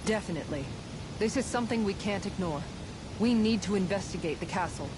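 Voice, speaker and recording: A woman voicing a concerned, responsible video game companion who explains things calmly and patiently. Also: a little fast, close to an everyday voice. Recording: loud rumbling noise behind.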